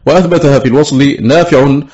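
Reading a scholarly audiobook text, this man talks fast in a slightly high, slightly mellow voice. He still moves steadily and methodically through a list of items. The recording sounds dull and lo-fi.

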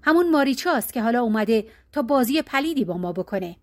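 A loyal young warrior prince , read by a woman storyteller, earnestly warns of a demon's trick. He sounds cautious and steady in this audiobook tale. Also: a little high, lightly acted. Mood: suspicious. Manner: earnest, warning.

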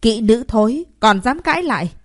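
Woman narrator as a spiteful young student, shrill, accusing, whiny; dry recording. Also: expressive, fairly quick, no room sound, close to an everyday voice.

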